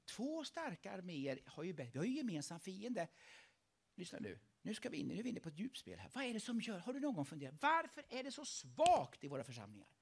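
A male pastor preaching a sermon, animated and emphatic, repeatedly urging listeners to listen closely. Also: high voice, creaky.

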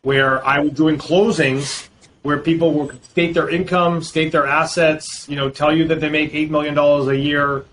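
A real estate lawyer from Boston appears as a guest on a podcast interview, his fairly bright voice on the high side with a level tone and normal speed. Fluent, he explains at length in long runs with frequent fillers, slight noise in the background.

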